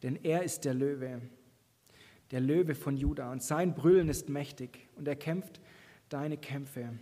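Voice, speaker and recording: Husky male preacher in a reverberant hall. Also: fairly high pitch, a little slow, mellow. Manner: earnest, encouraging, addresses listeners directly. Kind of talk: sermon.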